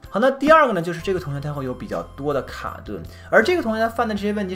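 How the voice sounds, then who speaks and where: A woman teaching English speaking, explaining pronunciation errors with many coaxing tag questions. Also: fairly low pitch. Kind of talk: online lesson with English examples.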